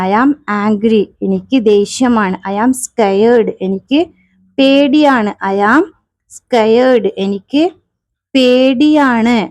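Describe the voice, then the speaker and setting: Slow, teacherly woman with a Malayali accent. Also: on the high side, darkish tone, dry recording, studio quality. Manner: slow, repeats each phrase twice, cheerful teacherly tone. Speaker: English teacher. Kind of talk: spoken English lesson for beginners.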